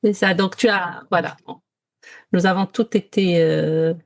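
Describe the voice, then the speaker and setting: A Moroccan woman co-hosts a podcast, speaking a little slowly in a lowish, gravelly voice with fairly even intonation. She talks casually and reflectively, telling personal stories, searching for her words and mixing in English ones.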